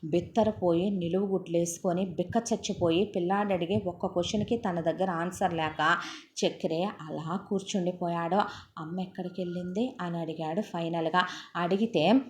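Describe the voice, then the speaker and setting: A woman's voice: fairly low pitch, fairly even intonation, normal speed, a little hiss or hum. A woman storyteller narrating a family drama in a conversational, dramatic way.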